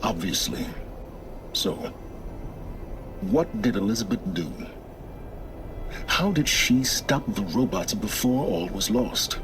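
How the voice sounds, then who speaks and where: A deep, condescending scholar. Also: male voice, sing-song, noisy background, heavily acted. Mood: impatient. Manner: condescending, measured, imperious. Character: aloof, impatient male scholar of ancient ruins. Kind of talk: dramatic video game acting.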